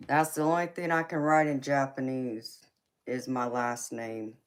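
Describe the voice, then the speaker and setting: A young woman with a Southern accent, a tarot reader, hosts a casual livestream where she chats with viewers, laughs often, and answers their comments. Her voice is a smooth, rumbling low with a flat delivery and measured pace.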